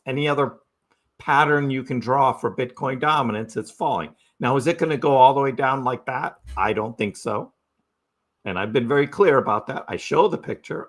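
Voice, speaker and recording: A man's voice: medium pitch, a bit bright. A man hosting a live crypto stream, giving casual chart commentary and asking his audience rhetorical questions. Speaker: crypto livestream host.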